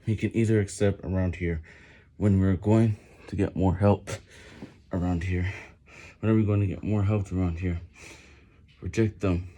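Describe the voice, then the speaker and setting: A man's voice: deep voice, warm tone. A man reading a book aloud while doing push-ups, stumbling over and repeating words under the physical effort. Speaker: vlogger reading on camera.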